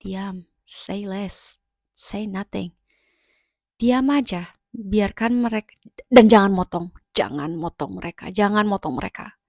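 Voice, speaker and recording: A young woman gives chatty, emphatic advice, repeating her points for weight. Her voice carries a steady creaky fry, and the recording is close and dry with no room sound. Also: medium pitch, a little slow, pauses often, no room sound. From Indonesia. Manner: repetitive, emphatic, conversational. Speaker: vlogger giving advice. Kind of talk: casual advice vlog.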